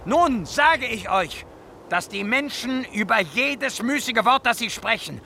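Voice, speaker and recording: Fervent, wide-ranging Jesus. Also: male voice, very high-pitched, animated, measured pace, creaky, bright, forceful tone, a little hiss or hum, exaggerated voice. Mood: angry denunciation. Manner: solemn, declamatory. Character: Jesus, a fervent, commanding male preacher. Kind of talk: dramatic scripture recitation in radio play.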